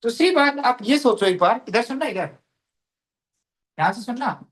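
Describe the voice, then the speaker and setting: A man's voice: very high-pitched, animated, moderate pace, fairly bright tone. A man teaching a math class to students. He repeats phrases and asks questions, then answers them himself. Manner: calls students "beta". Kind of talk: classroom lecture. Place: classroom with a board.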